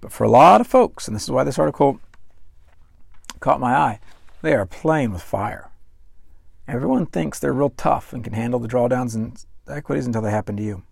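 A man's voice: mid-range voice, lively intonation, normal speed, vocal fry, husky, no room sound, studio quality. A man hosting a finance podcast in a conversational manner, reading out news articles and speaking straight to the listener. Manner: conversational, reads quotes aloud and talks straight to the listener. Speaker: finance show host.

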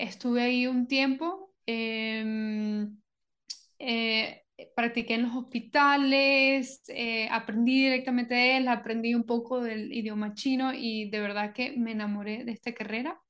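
Halting podcast guest, woman from Venezuela, slightly high voice. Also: fairly bright tone, muffled recording. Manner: hesitant, many fillers and restarts. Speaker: guest, doctor of Chinese medicine. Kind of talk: casual podcast interview.

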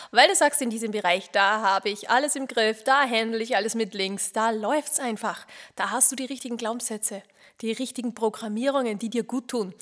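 Lady doing a motivational podcast, kinda high voice, earnest, talks right to you, goes soft and whispery a lot. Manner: earnest, speaks straight to the listener, often drops to a soft near-whisper. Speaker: podcast host.

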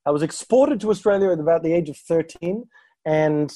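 A man who grew up in Malaysia, a guest on a podcast, telling his career story in a relaxed way. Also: on the high side, brisk, no room sound. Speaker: guest speaker. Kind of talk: interview conversation.

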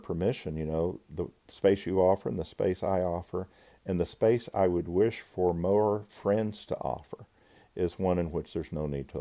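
A man, an author and grief counselor, giving measured, thoughtful interview answers with frequent pauses. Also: sits low, mellow.

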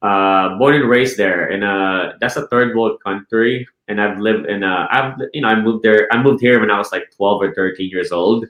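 On a muffled recording with roomy sound, a Filipino man who leads a real estate team speaks casually in an interview at normal speed with hardly any pauses. His voice is on the low side, and he often repeats words, restarts sentences and asks "right?"

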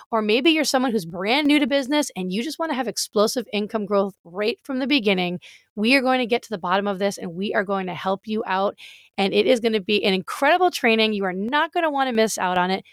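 A woman's voice: mid-range voice, no room sound, studio quality. A middle-aged woman talking casually and enthusiastically as a podcast host, with a friendly, emphatic delivery. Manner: friendly, emphatic, direct address to listeners.

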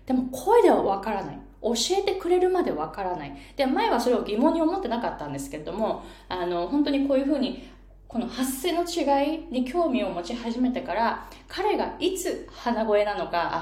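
A woman's voice: a little high, darkish tone, echoey room. A woman pronunciation coach giving a casual spoken lesson and pointing to parts of her face as she explains.

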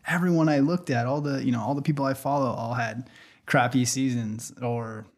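A man's voice: medium pitch, fairly even intonation, moderate pace. An American man hosting a casual podcast in a laid-back, slangy way, recorded in an echoey empty warehouse room. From western Oregon, United States. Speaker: podcast host. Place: makeshift podcast studio in warehouse, concrete floor.

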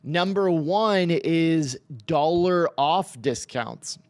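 A man's voice: a little high, extremely slow, a little mellow, no echo. A man co-hosting a casual business podcast, talking loosely with restarts and laughs. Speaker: podcast co-host.

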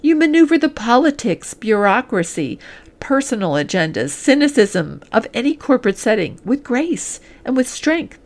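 Speaking directly to the listener, a woman who works as an executive coach and hosts a podcast delivers a scripted promo. Her darkish voice is very animated, and she's earnest and deliberate, punching her points through short phrases in a list.

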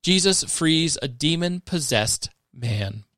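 A man giving a measured, expressive scripted reading of scripture for a podcast. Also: a little high, no room sound, studio quality. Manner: measured, expressive reading that rises for dramatic moments. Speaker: scripture reader.

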